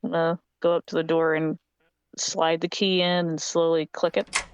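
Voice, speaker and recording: A woman's voice: low-pitched, flat delivery, moderate pace, clear, resonant tone, no echo. A woman chatting casually and hesitantly as a player in a tabletop role-playing game, on slightly dull audio.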